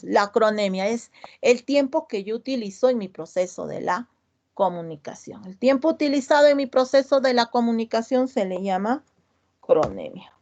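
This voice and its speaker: A middle-aged woman teaching over a slightly muffled video call, her voice sitting at an ordinary middle pitch. She works through each term step by step, repeats the key words and keeps asking the class questions. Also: darkish tone. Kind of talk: online class lecture.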